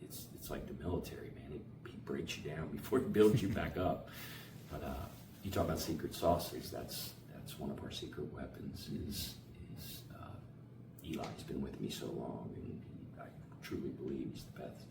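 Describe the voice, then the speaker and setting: This coach's very deep voice has a creaky quality and is recorded from a distance, set back in an echoey space with steady noise behind him. Answering interview questions casually, he's loose and energetic, using slang, repeating words, and filling gaps.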